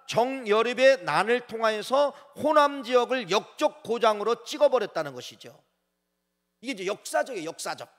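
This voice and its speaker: A male pastor delivers a sermon in a church sanctuary, his voice sitting high for a man and ringing out with a long reverb tail. He preaches with animation, pushing phrases up loud and then dropping to quieter asides as he addresses the congregation directly.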